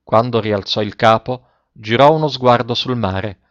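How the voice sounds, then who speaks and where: A man narrating a dramatic story aloud, raising his voice sharply for shouted lines and slowing down for solemn ones. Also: medium pitch, dry recording. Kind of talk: dramatic audiobook reading. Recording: dull, dry, muffled recording.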